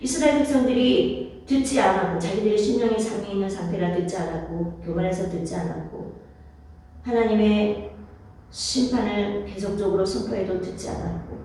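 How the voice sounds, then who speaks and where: 여성 목사 설교 캐스팅: 부드럽고 따뜻한 음색, 반복과 수사적 질문, 회중에게 아멘 유도. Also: female voice, medium pitch, normal speed, warm tone, distant mic, a little hiss or hum. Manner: repeats phrases and asks the congregation for amens; rhetorical questions to the listeners. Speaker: pastor. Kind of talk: sermon. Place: church sanctuary. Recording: very echoey church hall, voice from off-mic.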